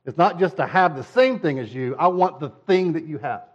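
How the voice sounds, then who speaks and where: A man's voice: fairly high pitch, expressive, moderate pace, lo-fi sound. Conversational man preaching a sermon. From United States. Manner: conversational preaching, acting out whiny quotes. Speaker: pastor.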